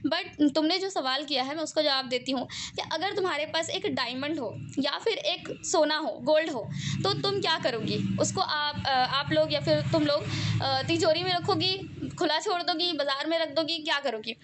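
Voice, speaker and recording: A woman's voice: sits high, moderate pace, noisy background. A young woman giving an earnest, conversational religious talk, full of fillers and tag questions. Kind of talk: informal religious talk to listeners.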